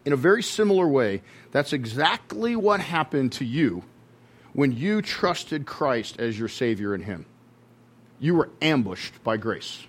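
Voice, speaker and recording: Man preaching an earnest sermon. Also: mid-range voice. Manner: earnest preaching with frequent repetitions and restarts. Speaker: pastor.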